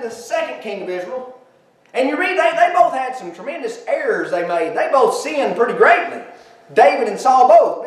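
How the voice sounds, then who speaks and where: A high-pitched man with a drawl preaches with emphatic, animated energy and homespun asides. His voice rings through a very echoey church, picked up from well back from the mic. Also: far from the mic. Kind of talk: sermon. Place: church sanctuary.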